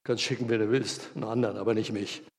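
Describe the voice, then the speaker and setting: A preacher acting out a whining, reluctant old prophet who pleads to be let off. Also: male voice, fairly low pitch, steady tone, fast talker, vocal fry, a little mellow, voice pushed down. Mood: pleading. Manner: pleading, whining, making excuses. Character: whiny reluctant old prophet Moses, male. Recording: reverberant hall.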